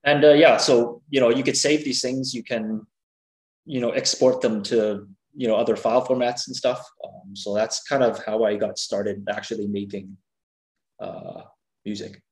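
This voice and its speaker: A man's voice: fairly low pitch, steady tone, normal speed, darkish tone. A middle-aged man as a podcast guest, in natural unscripted talk, explaining things in a candid, loose, groping way. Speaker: podcast guest, game music maker. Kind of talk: casual unscripted chat. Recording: echoey, roomy sound.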